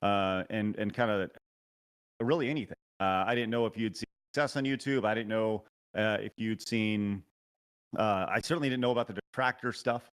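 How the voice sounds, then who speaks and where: A man's voice: fairly low pitch, moderate pace, clear, resonant tone. A man hosting a show, talking in a rambling, hesitant way over a remote call whose audio keeps breaking up and cutting out. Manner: rambling, hesitant, lots of filler and restarts. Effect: choppy, breaking-up call audio that cuts in and out. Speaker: show host interviewing a guest. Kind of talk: casual interview over a call. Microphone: remote call mic.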